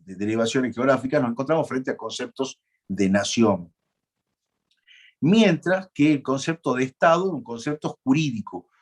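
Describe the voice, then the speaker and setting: A man from Argentina with a mid-range voice gives a university law lecture in a conversational style. He often puts questions to the class and uses frequent fillers and restarts.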